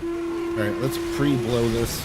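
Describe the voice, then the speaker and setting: Over clearly audible game audio, a man chats in a loose, rambling way as he streams gameplay. His medium-pitched voice stays steady, and his pace is slow.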